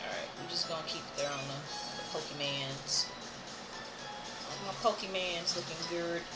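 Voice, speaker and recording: An American streamer gives casual gameplay commentary, thinking aloud in a loose, playful way. Video game music plays clearly behind the voice. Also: mid-range voice, normal speed, low-quality recording. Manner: playful, hums filler tunes, reads game text aloud.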